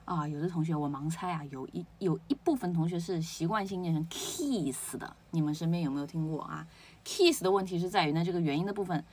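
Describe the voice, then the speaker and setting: A woman's voice: low-pitched, quick pace, few pauses, a little mellow, husky. A woman teaching a pronunciation lesson, explaining step by step, asking rhetorical questions and drilling words aloud. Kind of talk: spoken lesson.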